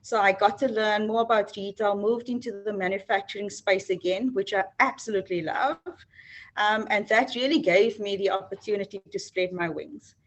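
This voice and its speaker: A woman's voice: medium pitch, normal speed. A South African woman, an HR executive, answering interview questions earnestly with frequent ums and restarts. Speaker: HR executive, guest.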